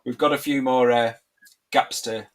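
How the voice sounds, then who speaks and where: A man's voice: mid-range voice, steady tone, moderate pace. A man co-hosting a casual live quiz lesson as a tutor, light-hearted and encouraging.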